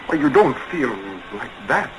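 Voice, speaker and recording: A man's voice: a little high, very animated, unhurried, rough recording. A man playing an earnest, tormented lover in an early talkie film melodrama, speaking in a clipped, restrained way. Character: earnest, tormented man in love, about to leave. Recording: 1920s film soundtrack with loud music.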